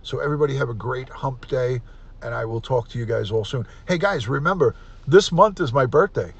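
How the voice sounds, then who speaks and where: A man in his fifties with a gravelly New voice, hosting a live stream in a loose, chatty way. He runs through viewer names one by one and keeps thanking them as he signs off. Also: mid-range voice, a little fast. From United States. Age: 50s. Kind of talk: casual live stream sign-off.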